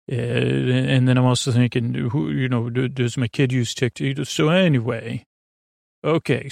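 A man with a medium-pitched, creaky voice hosts a sleep podcast, drifting slowly through a meandering bedtime monologue full of tangents and restarts. The studio-quality recording has no room sound.

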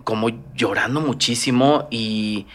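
A man with a Mexican accent in casual conversation, telling personal stories with lively acted-out dialogue. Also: medium pitch, measured pace. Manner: storytelling, animated, acts out quoted dialogue. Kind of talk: casual chat.

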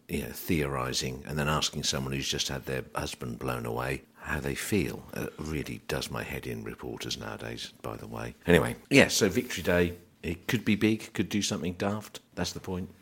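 Deep husky man, wry rambling host, farm market chat. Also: a bit bright. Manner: wry, rambling, mock-announcer asides. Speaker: host of a farming market talk.

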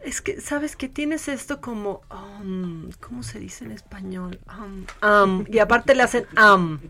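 A woman's voice: mid-range voice, unhurried. A woman hosting a radio show, ranting in a sarcastic, mocking way in casual chat. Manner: sarcastic, mocking, animated rants. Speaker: radio host. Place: radio studio.

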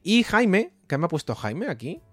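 Animated young man from Spain. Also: sits high, normal speed, breathy edge, no echo, faint music behind. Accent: Spain Spanish. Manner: animated, joking, with frequent laughs and repeated exclamations. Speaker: streamer reading live chat. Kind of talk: casual livestream chat.

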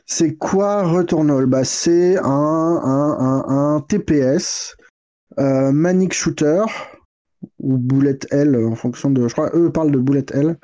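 A man co-hosts a casual chat about video games. His voice is mellow and warm yet sits slightly high. He explains things thoughtfully, hedging as he goes. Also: takes it slowly. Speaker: podcast co-host.

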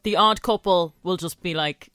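A woman's voice: lowish voice, normal speed, a bit bright, no echo, clean studio sound, soft background music. An Irish woman co-hosting a radio show with casual, conversational chat. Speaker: radio co-host.

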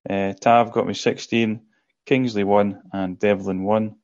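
A man's voice: fairly low pitch, little pitch movement, unhurried, a little mellow. A man with a Scottish accent chatting casually as a podcast panelist over a lo-fi internet call. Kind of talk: casual fantasy football podcast chat.

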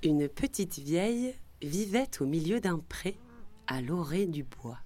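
A woman narrating a children's story in an expressive, lively reading. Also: deep voice, takes it slowly, a little hiss or hum. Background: faint music.

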